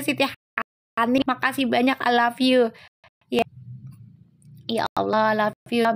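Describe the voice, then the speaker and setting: High-voiced chatty tarot reader. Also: female voice, a bit bright. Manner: chatty, teasing, greets viewers by name. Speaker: tarot reader hosting a live stream. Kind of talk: casual live-stream chat and tarot reading.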